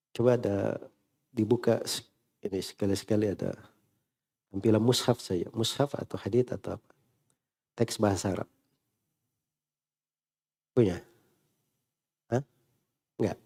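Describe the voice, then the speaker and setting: A man's voice: fairly low pitch, mellow. A man teaching an Arabic grammar lesson, asking the class questions and drilling word endings. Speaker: Islamic teacher.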